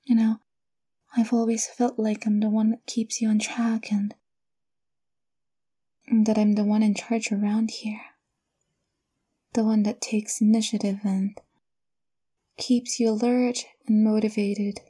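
A young woman whispering softly and close in an intimate, coaxing ASMR roleplay. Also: mid-range voice, husky. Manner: intimate, coaxing girlfriend address.

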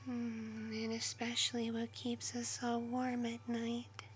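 A doting mother fox, whispered by a woman, murmurs to her kits in a hushed bedtime storybook voice. Her words come very slowly and stay level in tone, higher-set and feathery, with faint music drifting behind her. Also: completely flat delivery. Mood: tender. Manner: soft whispering, soothing and affectionate. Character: doting mother fox, female, adult, tender and protective. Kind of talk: ASMR roleplay, bedtime storytelling.

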